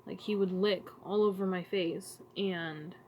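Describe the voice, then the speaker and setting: Tearful woman vlogging, halting speech. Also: mid-range voice, fairly even intonation, dull audio, a little hiss or hum. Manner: emotional, halting, searching for words. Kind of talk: casual heartfelt vlog talk.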